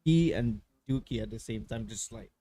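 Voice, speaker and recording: A man's voice: on the low side, normal speed, dark tone. A man co-hosting a podcast, telling a story in slangy, laughing casual chat. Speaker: podcast co-host.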